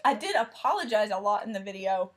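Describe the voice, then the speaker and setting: Hosting her crafting vlog, this Tennessee woman talks cross-stitch in a thick Southern accent, her mid-range voice moving fast with lively intonation. She's chatty and wanders off track, often using fillers and correcting herself.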